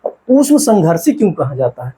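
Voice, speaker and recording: A man teaching an exam-prep lesson, asking questions and answering them himself, and sounding out syllables slowly. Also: a little high, very animated, dark tone, husky.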